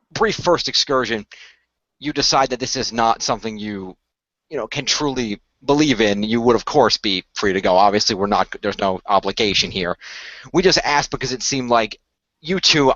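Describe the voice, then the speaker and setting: A man with a mid-range, slightly bright voice, lightly acted and free of room sound, voices an earnest recruiter pitching a secret magical project in an improvised radio play. His speech is formal, wordy, persuasive and carefully hedged; the recording is dull and lo-fi.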